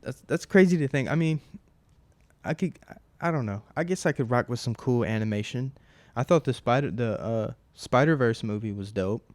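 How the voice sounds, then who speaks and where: Speaking at a moderate pace, this twentysomething podcast host has a medium, slightly mellow voice with no room sound. He rambles profanely through his casual solo show at home, full of fillers and false starts, into a close mic.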